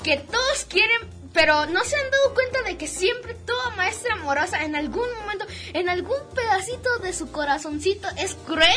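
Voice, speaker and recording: A woman co-hosting a radio show in animated casual chat, with frequent restarts. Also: extremely high pitch, normal speed, soft background music. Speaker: co-host of a school radio show.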